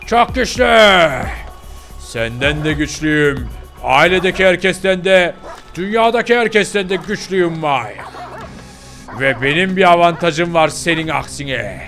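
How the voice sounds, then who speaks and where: Man playing a boastful young pitbull dog, hot-headed, high pitch, faint music. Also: animated, measured pace, fairly bright tone. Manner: boastful, then stammering in panic.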